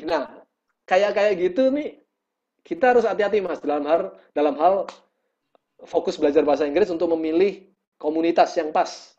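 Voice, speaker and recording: Musician guest, man, fairly high voice, animated storyteller, muffled video-call sound. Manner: lively storytelling, acts out quotes. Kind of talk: casual video-call conversation.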